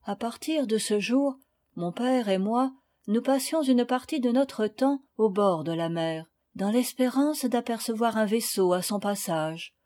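A woman reading a children's novel aloud, with calm, measured storytelling that rises in dramatic moments. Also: on the high side. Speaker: audiobook reader. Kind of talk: scripted narration.

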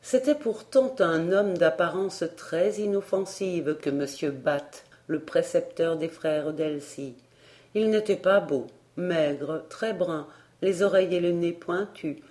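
A woman narrating a storybook audiobook at a slow, unhurried pace. Her voice sits a little low and sounds warm and mellow. The reading is steady throughout. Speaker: audiobook reader.

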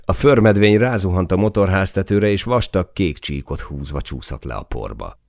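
Man, very deep gravelly voice, tense audiobook narration, dry close sound. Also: expressive, no room sound. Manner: tense, rising to shouted lines in dialogue. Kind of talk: first-person audiobook narration.

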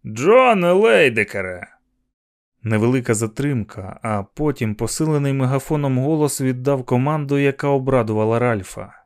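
Man reading an audiobook, steady. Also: mid-range voice, brisk, few pauses, clear, resonant tone. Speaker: audiobook narrator. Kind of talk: scripted narration.

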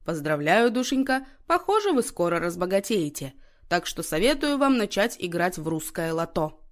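A jovial middle-aged husband, as a woman reader puts him on, teasing and cheerful at the table. Her voice stays bright and lively with wide pitch swings in this audiobook scene. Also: normal speed.

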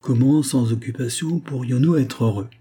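A man's voice: mid-range voice, moderate pace, mellow, breathy edge, lightly acted. A man reading an audiobook, voicing the hard, cold spirit of a dead man who speaks through a medium. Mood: solemn, cold. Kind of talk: audiobook character voice.

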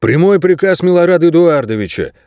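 Man putting on a jittery high-voiced prison guard. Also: sing-song, darkish tone, dry recording, studio quality. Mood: stubborn, flustered. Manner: hesitant, stubborn, quick. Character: nervous young male prison guard. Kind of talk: audiobook character voice.

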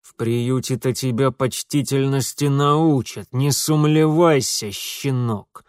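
A man voicing a gruff, threatening provincial police chief who barks orders. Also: on the high side, expressive, a little slow, dark tone, no room sound, studio quality. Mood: sneering. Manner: barking, threatening.

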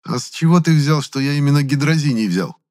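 A man voicing a quick-witted teenage boy who speaks in a mocking, firm way. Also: medium pitch, darkish tone, no room sound, clean studio sound, pitched above the performer's own voice, lightly acted.

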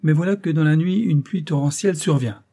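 A man reading an audiobook, voicing a mild-mannered but sly elderly bailiff's clerk who speaks gently and insinuatingly. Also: on the high side, fairly quick, pitched above the performer's own voice. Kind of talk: audiobook character voice.

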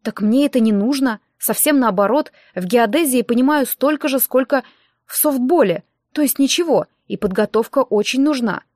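A woman reading a first-person audiobook in a measured, even storytelling manner. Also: fairly high pitch, no echo, studio quality. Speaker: audiobook narrator.

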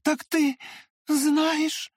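A woman's voice: level tone, drawn-out words, no room sound, clean studio sound. A reader voicing an anguished young woman in an audiobook, crying out in pleading exclamations. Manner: high-pitched, pleading exclamations.

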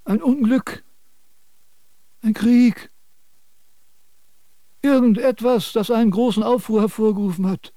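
An actor playing a self-important sage who lectures and scolds in a radio drama. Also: male voice, very high voice, steady tone, unhurried, pauses often, warm tone, dry recording, clean studio sound. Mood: lecturing. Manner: pompous, preachy, scolding.

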